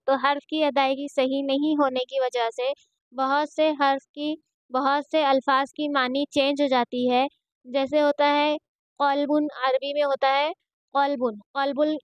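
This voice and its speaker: A woman's voice: sits high, no room sound, lo-fi sound. A woman teaching a Quran reading lesson, patiently reciting letters one by one and explaining how each is pronounced.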